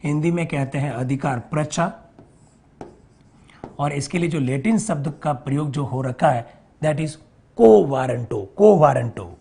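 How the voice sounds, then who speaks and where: A man teaching an exam-prep lecture, who repeats key terms slowly and asks and answers his own questions. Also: a little high, fairly even intonation, darkish tone, a little hiss or hum.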